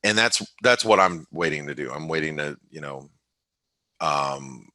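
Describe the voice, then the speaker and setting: Deep-voiced man in halting market talk. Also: animated, pushed and bright, no echo. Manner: halting, many restarts and fillers, thinks aloud. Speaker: forex market analyst. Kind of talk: casual webinar market commentary.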